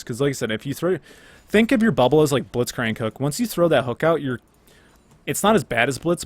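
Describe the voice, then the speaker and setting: A young man giving casual commentary over his own gameplay footage, chatty and relaxed, with many fillers and self-corrections. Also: mid-range voice, no echo.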